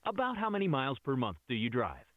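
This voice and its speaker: A man's voice: medium pitch, wildly swooping pitch, fast, dry recording. Man's upbeat recorded phone message. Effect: recorded phone message, robocall. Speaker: automated sales call voice. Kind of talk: scripted promotional prompts. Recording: tinny phone line with faint hiss.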